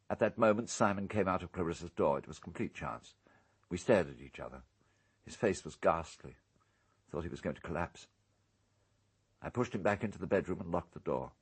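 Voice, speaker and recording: In a radio drama, a male actor plays an urbane, calculating English island owner, speaking in a low, husky voice that is measured, precise and coolly unrepentant. The mood is one of grave recounting.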